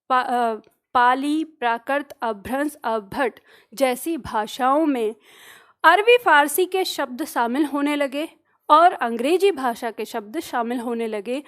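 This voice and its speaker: Female teacher, high voice, lecturing at a board and testing students on sounds. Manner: quizzes students with pronunciation choices; explains at a board with pointing words. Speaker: Hindi teacher. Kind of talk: classroom lecture.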